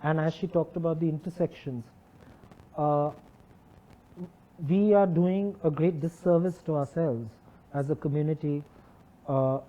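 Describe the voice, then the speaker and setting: A woman with a posh, educated Indian accent talking haltingly in a panel discussion, rephrasing as she goes. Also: low-pitched. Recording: slightly dull, muffled sound.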